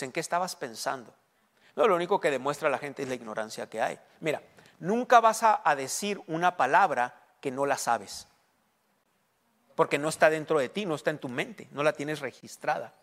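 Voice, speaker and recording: A man preaching a sermon in a conversational way, often asking listeners if they understand and slowing down to stress key words. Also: fairly high pitch, fairly bright tone. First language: Spanish. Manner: conversational preaching, frequent check-ins with listeners; emphatic, slows down on key words. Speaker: pastor.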